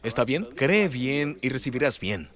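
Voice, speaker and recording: A middle-aged man preaching a sermon as pastor, animated and rising loud for emphasis. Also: mid-range voice, normal speed.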